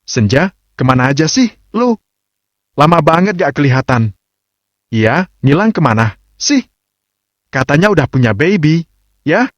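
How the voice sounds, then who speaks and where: Man doing gossipy, excited young girlfriends. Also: fairly high pitch, a little slow, pauses often, no room sound, voice pushed up. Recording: dull lo-fi dry recording.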